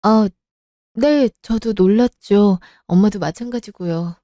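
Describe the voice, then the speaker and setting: Radio drama lead: a woman as an anxious, pleading wife, mellow voice, dry sound. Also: mid-range voice, takes it slowly, no echo, lightly acted. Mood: polite, surprised. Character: worried married daughter, young mother.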